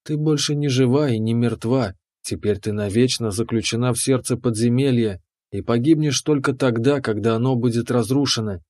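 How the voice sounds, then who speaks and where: A man voicing a devoted female lava dungeon keeper who speaks in a low, soft, purring, obedient way. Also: normal speed, dry recording, clean studio sound, close to an everyday voice. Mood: proud. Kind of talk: audiobook character voice.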